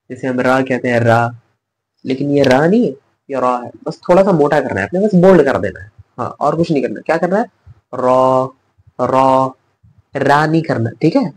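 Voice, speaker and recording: A man's voice: medium pitch, a little mellow, husky, poor audio. A man teaching letter pronunciation in a patient classroom style, repeating each sound and asking the learner to say it back. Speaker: Quran recitation teacher.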